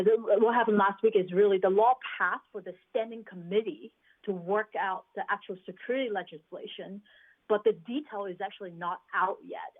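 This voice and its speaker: A woman from Hong Kong, a venture investor, answering news interview questions thoughtfully over a remote video link, with restarts and fillers. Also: mid-range voice. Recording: tinny remote call line.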